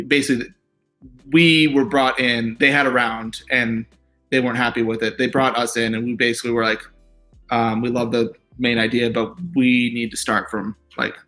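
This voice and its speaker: A man, a TV writer, talking casually in an interview, rambling with lots of fillers. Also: medium pitch. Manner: relaxed, rambling, many fillers and "like"s. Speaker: TV writer guest.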